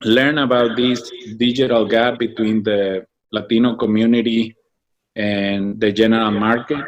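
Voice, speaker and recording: Man, halting and thoughtful. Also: lowish voice, fairly even intonation, muffled recording. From Mexico. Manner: thoughtful, many fillers and restarts. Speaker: guest, founder of a business association. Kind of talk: interview answers.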